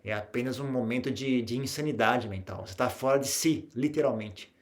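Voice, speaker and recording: A Brazilian man, a Buddhist monk, giving a calm meditation talk in a Brazilian Portuguese accent, with frequent tag questions and restarts that grow lively during his anecdotes. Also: mid-range voice, brisk. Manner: grows animated when telling anecdotes.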